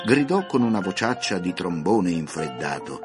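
A man narrating a children's classic in a scripted, lively, expressive storytelling manner. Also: low voice, moderate pace. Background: soft background music.

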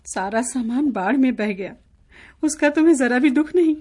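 A woman's voice: high voice, animated, normal speed, dark tone, husky. An actress playing a wife who mourns her belongings lost in a flood, in a radio play. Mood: aggrieved. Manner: complaining, sulky. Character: grieving, complaining young wife. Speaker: radio drama actor.

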